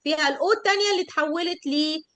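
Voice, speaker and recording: A middle-aged woman with an Egyptian Arabic accent teaching English pronunciation in an online class, stretching out model words slowly. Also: sits high, fairly bright tone, no room sound.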